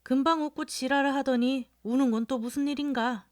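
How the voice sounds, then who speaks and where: A woman's voice: high voice, steady tone, brisk, a little mellow, no echo, clean studio sound, pitched above the performer's own voice, natural voice. A woman voicing a middle-aged male drinking companion who questions and scolds his drunk friend in a storybook reading. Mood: exasperated. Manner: exasperated questioning.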